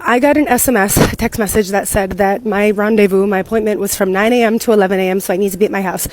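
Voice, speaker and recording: A young American woman from the United States, telling a story casually and profanely, acting out what people said. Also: medium pitch. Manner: fast, animated, profane, acts out quotes. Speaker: expat content creator.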